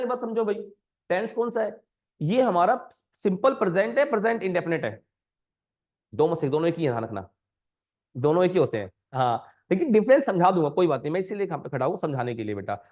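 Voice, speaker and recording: एक पुरुष शिक्षक ऑनलाइन व्याकरण कक्षा पढ़ा रहे हैं, बीच बीच में अंग्रेज़ी शब्द बोलते हुए और छात्रों से बार बार सवाल पूछते हुए।. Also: male voice, a little high. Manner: coaxing students with repeated questions; mixes Hindi with English terms. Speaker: grammar teacher. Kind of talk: live online grammar lesson. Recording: dull lo-fi sound.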